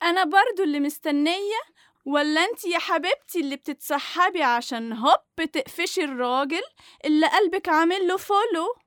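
Brash, high-voiced Egyptian tease. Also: female voice, lively intonation, brisk, fairly bright tone, no echo, studio quality. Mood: mocking. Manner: brash, mocking, streetwise. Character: cheeky, slangy young Egyptian woman teasing mercilessly. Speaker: actress in a radio serial. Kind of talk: Egyptian radio comedy drama acting.

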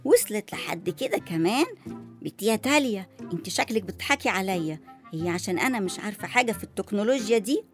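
An actress playing a suspicious, sharp-tongued elderly grandmother in a comedy sketch, speaking with an Egyptian accent. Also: mid-range voice, lively intonation, fast talker, soft background music, close to an everyday voice. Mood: grumbling. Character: fussy elderly grandmother new to phones.

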